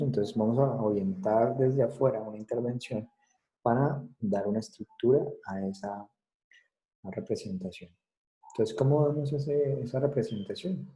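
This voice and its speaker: Man, university lecturer, very dark voice, lowish, keeps asking if students follow. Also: poor audio. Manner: explanatory, checks understanding with frequent tag questions. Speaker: psychology lecturer. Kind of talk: recorded class lecture.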